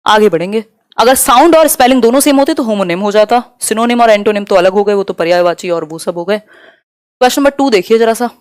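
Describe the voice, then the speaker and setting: A young woman teaching a live online exam-prep class, explaining terms in a mix of Hindi and English and slowing down to read questions aloud. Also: medium pitch, no echo, studio quality.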